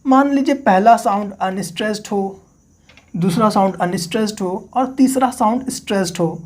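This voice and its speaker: A man teaching a literature lesson in a patient lecture manner. He keeps asking his listeners questions and then answering them himself. He says each key term slowly, twice, so it can be written down. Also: high voice, a little mellow. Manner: repeats key terms slowly for dictation. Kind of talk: classroom-style lecture.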